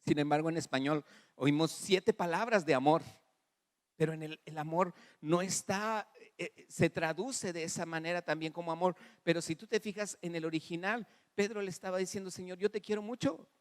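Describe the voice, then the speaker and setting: A Mexican-accented man preaching in a big church hall, his voice somewhat high for a man and trailing off into long reverb. He is lively and talks straight to the congregation, acting out the lines of the dialogue in different voices. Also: normal speed. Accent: Mexican Spanish. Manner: animated preaching with audience call-and-response; acts out dialogue in varied voices. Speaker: pastor. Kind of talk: sermon.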